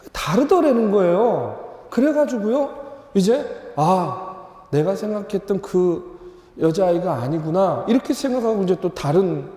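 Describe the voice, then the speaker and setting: A young male pastor preaching a sermon, telling a story with lively humor in a church. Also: sits high. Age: young adult. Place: church sanctuary. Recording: reverberant church hall.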